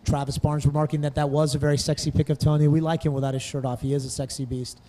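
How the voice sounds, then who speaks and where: A man doing live motorsport commentary from a booth, joking between lap times, his voice a bit worn from days of shouting. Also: fairly high pitch, little pitch movement, fast, a little hiss or hum. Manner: upbeat, joking, rattles off lap times and sponsors. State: hoarse-feeling voice from two days of shouting. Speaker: race commentator. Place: announcer booth at a racetrack. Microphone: broadcast mic.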